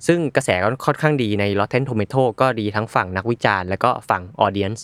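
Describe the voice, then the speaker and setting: A man's voice: lowish voice, no room sound. A man co-hosting and editing a casual gaming podcast, steering the talk back on topic. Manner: brisk, steers the conversation. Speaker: podcast co-host and editor.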